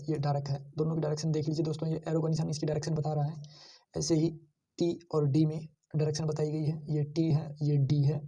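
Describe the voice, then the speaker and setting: Slow, husky-voiced man teaching shorthand. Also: fairly high pitch, dark tone, far from the mic. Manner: slow, explanatory, repeats each sound. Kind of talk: screen-share lesson.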